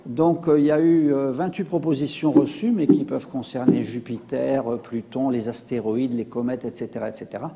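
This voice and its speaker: A man's voice: mid-range voice, fairly even intonation, normal speed, hardly any pauses, big-room sound, background noise. A man giving a public science lecture with slides, hesitant, with many fillers and restarts.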